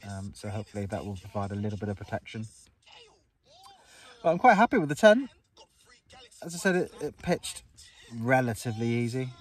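A man's voice: medium pitch, big pitch swings, fairly quick, long pauses. Man, forties, vlogger in a tent, phone camera up close, upbeat, rambling. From England. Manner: rambling, filler-heavy, upbeat. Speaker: wild camping vlogger. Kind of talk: casual vlog talk to camera. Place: inside a small tent on open moorland. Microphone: phone camera held close.

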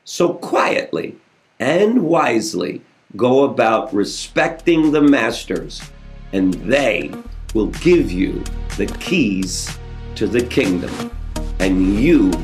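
A middle-aged man delivers a daily motivational message from his desk, his voice swinging widely up and down. He talks slowly and deliberately, leaning on key words, with soft music faintly behind him. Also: mid-range voice. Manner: lively, animated delivery with slow, emphatic phrasing. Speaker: motivational host. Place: home office with bookshelves behind.

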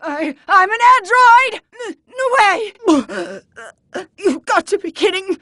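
A woman's voice: extremely high pitch, lively intonation, slow pace, sharp tone, no echo, clean studio sound, exaggerated voice. An actress playing a cool, scornful young female android fighter in an anime fighting game, curt and taunting. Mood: shocked distress. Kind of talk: English-dubbed anime fighting game voice clips.

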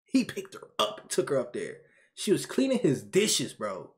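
A young man giving loud, incredulous reaction commentary over a video, repeating himself and calling people "bro". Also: medium pitch, wildly swooping pitch, moderate pace. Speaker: reaction streamer.

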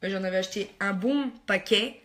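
A woman talks casually through her makeup routine for a vlog. Her speech wanders, full of fillers and restarts. She teases herself in quick asides to her viewers. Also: medium pitch, a bit bright. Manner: chatty, hesitant with many fillers, self-mocking asides to viewers. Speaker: beauty vlogger. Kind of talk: casual get-ready-with-me makeup chat.

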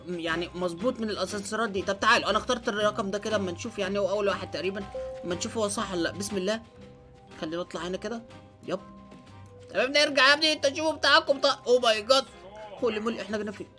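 A young man with an Egyptian Arabic accent hosting an excited let's-play commentary, dropping English exclamations as he plays. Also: high-pitched, very fast. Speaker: gaming channel host. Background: faint background music.

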